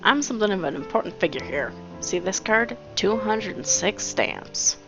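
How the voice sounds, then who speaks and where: A woman voicing a brash young male rabbit with a put-on American Southern drawl, talking loud and swaggering. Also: medium pitch, lively intonation, normal speed, natural voice. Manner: loud, swaggering, self-important. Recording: dull lo-fi with game music.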